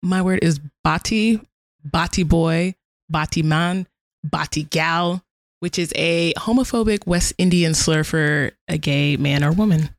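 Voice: medium pitch, a little slow, dry recording, studio quality. A podcast co-host from the northern United States chatting casually, laughing and self-deprecating with many fillers.

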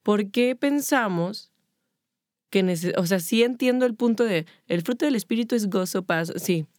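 A woman's voice: mid-range voice, normal speed, no room sound. Mexican woman chatting about faith, piles up lists, dry close sound. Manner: animated, piles up long spoken lists. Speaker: podcast co-host. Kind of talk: casual chat about faith.

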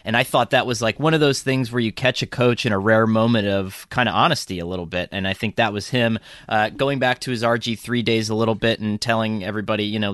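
Rambling low-voiced man on a podcast. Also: fairly bright tone, no echo, studio quality. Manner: rambling, lots of ums and restarts. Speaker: podcast co-host. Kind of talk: casual sports podcast chat.

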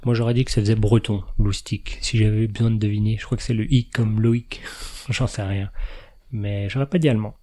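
A man's voice: fairly low pitch, steady tone, brisk, mellow. A man hosting a podcast in a casual, explanatory chat, laughing now and then at his own remarks. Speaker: podcast host.

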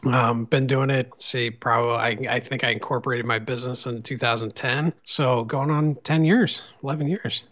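A man's voice: mid-range voice, fairly even intonation, moderate pace, few pauses, fairly bright tone. Easygoing man in his thirties, slightly muffled. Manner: easygoing, repeats words as he thinks. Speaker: guest photographer. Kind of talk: casual interview talk.

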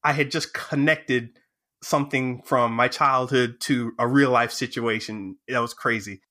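A man telling a story in a casual interview, animated and excited, acting out the voices of people in it. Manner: animated, acts out quoted dialogue with jumps in pitch; excited, fast bursts of speech. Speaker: guest.

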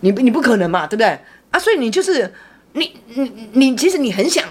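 A middle-aged woman, telling a personal story in casual chat. She talks in an animated way, with many restarts and repeated words. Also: fairly high pitch, a little fast, breathy edge. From Taiwan. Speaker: podcast co-host, mother.

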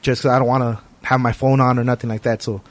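A man's voice: medium pitch, flat delivery, fast talker, no room sound. A man hosting a podcast, talking casually and earnestly in informal, slangy language. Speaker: podcast host. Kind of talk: casual conversation.

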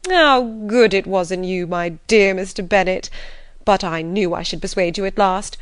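A woman voicing an excitable, easily exasperated middle-aged mother in an audiobook, with an exclamatory manner. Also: on the low side, takes it slowly, vocal fry, dry recording. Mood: overjoyed. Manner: exclamatory, resentful, complaining. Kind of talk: audiobook character voice.

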